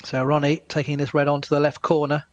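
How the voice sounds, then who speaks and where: A man giving live snooker commentary as a commentator, in measured short phrases with pauses. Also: fairly high pitch, completely flat delivery, lo-fi sound, slight background noise.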